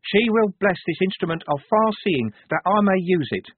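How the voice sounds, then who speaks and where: A man's voice: high voice, lively intonation, normal speed, breathy edge, no room sound, pitched above the performer's own voice. A man voicing a pale, fervently devout young female private with a zealous manner. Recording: tinny phone-like dry sound.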